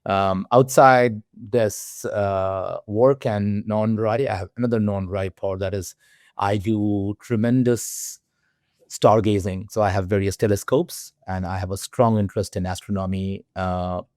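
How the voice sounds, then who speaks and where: Give me a low-pitched man, speaking haltingly as an interview guest. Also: a little mellow, dry recording, clean studio sound. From India. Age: 40s. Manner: halting, many fillers and restarts. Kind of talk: interview conversation.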